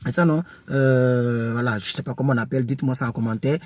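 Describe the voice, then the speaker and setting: A man teaching English words to French speakers in a casual lesson, repeating each word slowly and chatting with many fillers. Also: mid-range voice, steady tone, no echo. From French-speaking country.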